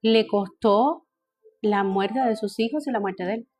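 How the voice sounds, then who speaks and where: A woman's voice: mid-range voice, measured pace, a little mellow. A woman teaching a Bible study, often repeating phrases and checking in with her listeners.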